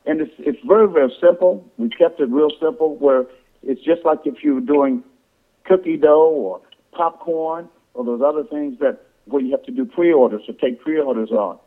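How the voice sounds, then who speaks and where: A man giving an informal sales presentation to affiliates on a conference call, explaining in a halting, repetitive way with false starts. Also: fairly high pitch. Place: conference call over the phone. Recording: tinny, band-limited phone conference line.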